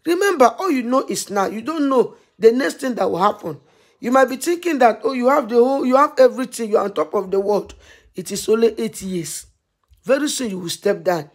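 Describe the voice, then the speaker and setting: A woman's voice: a little high, expressive, a little fast. A woman giving impassioned vlog commentary, preachy and scolding, repeating her points again and again. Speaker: vlogger.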